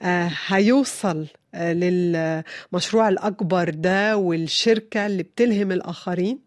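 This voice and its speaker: A woman with an Egyptian Arabic accent hosts a conversational radio interview, phrasing hesitantly with pauses. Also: lowish voice, no room sound, clean studio sound.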